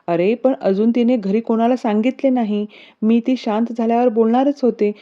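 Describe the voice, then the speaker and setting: A woman voicing a middle-aged mother who scolds her son with rapid questions, on a dull lo-fi recording. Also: on the high side, fairly even intonation, voice pushed up, lightly acted. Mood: scolding.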